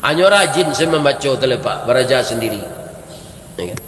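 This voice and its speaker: A man with a Minangkabau accent preaching a humorous storytelling sermon in a mosque, lively and rhetorical, often asking his listeners "right?". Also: medium pitch, brisk. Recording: echoey mosque hall.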